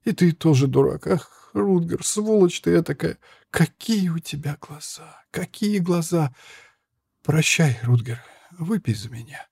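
A man's voice: a little high, lively intonation, measured pace, creaky, a little mellow, slightly rough, no echo, clean studio sound, voice pushed up, heavily acted. A man reading the part of a dying young woman crossbow fighter, speaking weakly in a faint, breathless half-whisper. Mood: weak pained. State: gravely wounded, weak.

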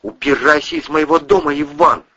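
A man's voice: on the high side, huge pitch swings, normal speed, creaky, bright, forceful tone, breathy edge, lo-fi sound, pitched above the performer's own voice, full character voice. A man reading a story, voicing a cold, furious woman who shrieks when cornered. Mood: icy.

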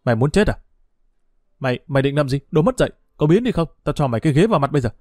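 A man voicing a sly, stubborn village dog thief who taunts and scorns in quick, rough speech. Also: mid-range voice, expressive, darkish tone, dry recording, studio quality, lightly acted. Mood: scornful, taunting.

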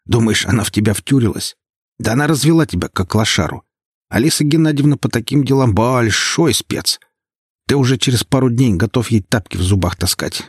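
A man voicing a cold, menacing gangster boss in his forties who talks in a slow, flat, contemptuous way in an audiobook. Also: medium pitch, slightly rough, no room sound, studio quality, voice pushed up.

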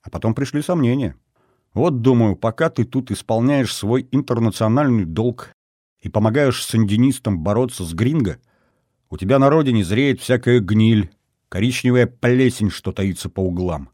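A man reading an audiobook, voicing a composed young female counterintelligence officer who speaks in a measured, earnest way. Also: mid-range voice, warm tone, dry recording, clean studio sound, lightly acted. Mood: reflective.

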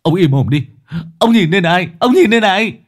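A man voicing a beaten young man who yells shrilly, then pleads and sobs. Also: expressive, a little fast. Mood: angry yelling. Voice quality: shrill, strained yelling. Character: young man Kien, beaten, whining and furious.

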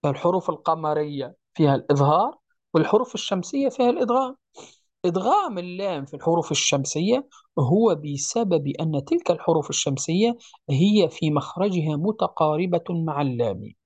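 A teacher giving a step-by-step recitation lesson, explaining patiently, checking often that the class follows, and slowing down to recite each example. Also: mid-range voice, sing-song, a little mellow, no echo. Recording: dull lo-fi recording, dry.

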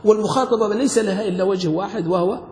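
A man's voice: high voice, rapid-fire, darkish tone. A man teaches a classroom grammar lesson. He keeps asking his students questions. The sound carries a long, echoing hall reverb. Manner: quizzing students with frequent questions. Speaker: sheikh teaching Arabic grammar. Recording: echoey hall.

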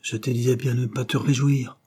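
A man voicing a grave older Quaker woman in an audiobook, speaking quietly and plainly. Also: medium pitch, flat delivery, fairly quick, breathy edge, pitched above the performer's own voice, close to an everyday voice.

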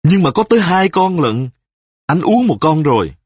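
A man playing a sick, petty husband who scolds his wife in rapid-fire accusations in a spoken story. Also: fairly high pitch, very animated, darkish tone, slightly rough, no echo, clean studio sound, voice pushed up. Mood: grumbling. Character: sick, petty, quarrelsome husband, self-righteous.

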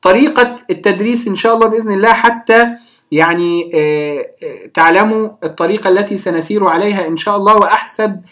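A teacher explains recitation rules in a classroom lecture. The delivery is hesitant and full of drawn-out filler sounds, and the teacher keeps checking that the class follows. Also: mid-range voice, a bit bright. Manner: often checks if listeners understand.

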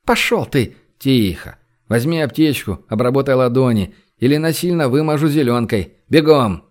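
A man reading an audiobook, voicing a calm young man who jokes dryly and speaks gently. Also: medium pitch, moderate pace, lightly acted. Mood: wry. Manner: dry, half-joking, gentle.

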